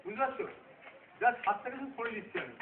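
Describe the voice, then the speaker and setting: A man's voice: extremely high pitch, lively intonation, fast talker. A man teaching self-defence in a live demonstration, often checking that his students follow. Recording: roomy, distant, phone-like sound with loud noise.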